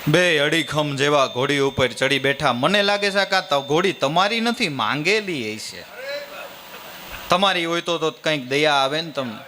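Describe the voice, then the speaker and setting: A man's voice: fairly high pitch, moderate pace, pushed and bright, a little hiss or hum. A man voicing a male passer-by who chides in a Kathiawadi accent. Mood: scolding. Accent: Kathiawadi Gujarati. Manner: gruff, chiding. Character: scolding male passer-by on the road.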